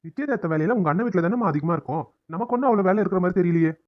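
A man's voice: high-pitched, expressive, very fast, no echo, dull audio. A man voicing a teasing, dismissive middle-aged husband in a cartoon family drama. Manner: dry, mocking.

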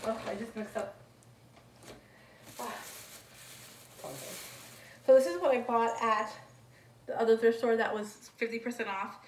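A fairly high-voiced woman talks in a chatty, rambling way, describing each item in turn. Her voice sits a little away from the mic in a roomy space. A faint hum of ambience stays behind her. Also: steady tone, unhurried, long pauses, recorded from a distance. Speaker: thrift reseller vlogger. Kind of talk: casual haul vlog.

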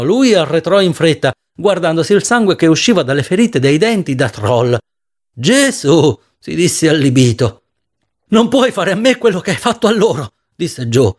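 A man reads a novel aloud as an audiobook narrator, with a dramatic, expressive delivery. His voice sits somewhat high for a man and swings widely in pitch. The narration is steady, scripted storytelling.

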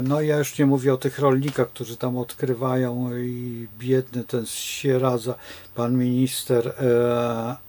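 Older man, husky voice, unhurried delivery, rambling informal talk, hesitant, wry chuckles. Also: medium pitch, a little mellow. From Poland. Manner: digressive, hesitant, many filler sounds and wry chuckles. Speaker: astrologer addressing his followers.

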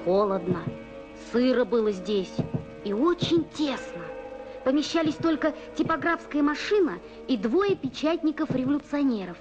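A woman narrating a scripted children's documentary newsreel in measured storytelling phrases with deliberate pauses, on an old film soundtrack with music. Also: high voice, sing-song. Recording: dull 1980s film soundtrack, music behind.

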